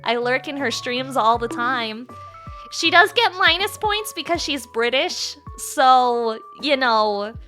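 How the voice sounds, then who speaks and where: Bright, high-pitched cute anime-streamer woman. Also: lively intonation, slow pace, faint music behind. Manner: crude, playful swearing banter. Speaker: live streamer host. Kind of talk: casual, excitable livestream chat.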